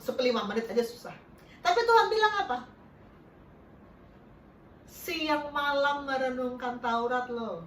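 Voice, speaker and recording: A middle-aged woman preaching a sermon in a church hall, lively, laughing between points and swinging from loud to soft. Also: on the high side, recorded from a distance, a little hiss or hum.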